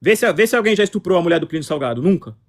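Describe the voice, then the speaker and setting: This streamer has a high-pitched voice and a Brazilian Portuguese accent, and he responds to his chat in a rapid-fire, animated rush. The stream is casual, but he's combative and keeps repeating himself.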